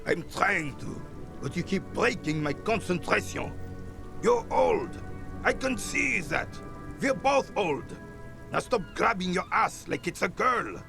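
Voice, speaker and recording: A cantankerous old man for a video game. His voice is thick with gravelly creak and swings widely in pitch as he scolds with haughty bitterness. Music plays clearly behind him. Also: big pitch swings, a little slow, exaggerated voice. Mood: irritated. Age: older. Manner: scornful, biting, haughty. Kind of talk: video game character acting.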